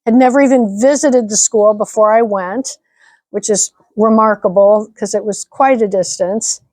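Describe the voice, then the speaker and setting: A woman's voice: mid-range voice, normal speed, a little mellow, dry recording. A middle-aged woman from Nebraska, a nonprofit director, answering interview questions in an upbeat, articulate way. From Nebraska, United States. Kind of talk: interview conversation.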